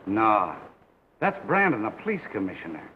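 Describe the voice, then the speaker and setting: A man's voice: fairly low pitch, huge pitch swings, normal speed, narrow, tinny audio. Surly middle-aged American male ex-con showman, slangy, on a thin, hissy old film soundtrack. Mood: wary, gruff. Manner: blunt, slangy, scornful. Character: surly, tough sideshow owner and ex-convict. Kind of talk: 1930s crime film acting.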